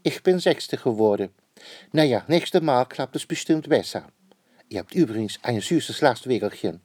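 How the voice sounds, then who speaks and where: A man voicing a friendly, excitable queen in a children's story, in a raised, gushing voice. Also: medium pitch, moderate pace, husky, no room sound, pitched above the performer's own voice.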